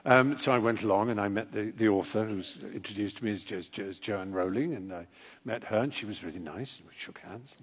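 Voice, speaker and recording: A man's voice: lowish voice, fast, slightly rough. An older man, an actor and audiobook narrator, telling a rambling, self-deprecating story to a live audience with frequent restarts.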